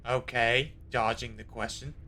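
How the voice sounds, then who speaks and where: A man's voice: mid-range voice, fairly even intonation, measured pace, sharp tone, a little hiss or hum. A man giving casual live commentary as he streams a game.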